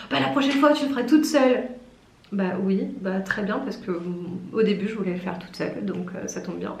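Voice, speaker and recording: A woman's voice: medium pitch, darkish tone. A young woman in her twenties from France, telling a story in a chatty, self-mocking way and acting out the people in it with a raised voice. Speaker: pharmacy student vlogger. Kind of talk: casual storytelling vlog. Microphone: camera mic. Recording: roomy echo.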